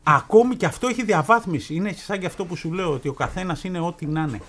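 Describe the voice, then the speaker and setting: A man co-hosting a relaxed radio show. He tells a story slowly and playfully, stretching his words out and pausing for effect. His voice sits a little on the high side. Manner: playful, drawn-out storytelling with dramatic pauses. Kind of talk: casual radio banter.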